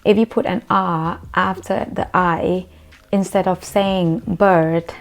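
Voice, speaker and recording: A young woman, not a native English speaker, teaching pronunciation to camera, slowing down to say example words deliberately. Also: on the low side, fairly even intonation. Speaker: accent coach. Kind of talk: explanatory lesson to camera.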